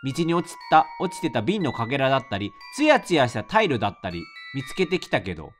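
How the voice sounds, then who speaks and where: A man's voice: medium pitch, very animated, fast, a bit bright, soft background music. A man reading aloud the part of a girl recalling a childhood encounter from a horror novel, in a plain storytelling way. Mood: calm recounting.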